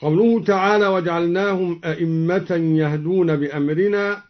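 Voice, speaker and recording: A man teaching Quran reading variants in a measured, deliberate way, switching between plain explanation and chanted verses, from an old radio recording. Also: high voice, fairly even intonation, dull audio.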